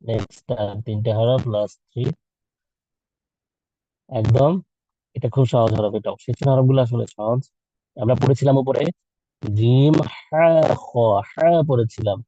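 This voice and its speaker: Man, patient children's teacher, drawn-out repeated sounds, very dark mellow voice, muffled lo-fi audio. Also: medium pitch, no room sound. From Bangladesh. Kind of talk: online class lesson.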